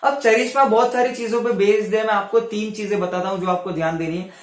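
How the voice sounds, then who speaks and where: A young man giving self-help tips to camera in a casual, animated way, swinging his voice between loud and soft on purpose. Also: sits high, fast talker, reverberant. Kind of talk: casual motivational talk to camera.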